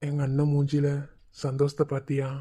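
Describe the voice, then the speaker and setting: A man's voice: a little high, monotone, normal speed, mellow, lightly acted. A man acting a doting, emotional young uncle in a drama. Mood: quiet. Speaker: maternal uncle of the newborn.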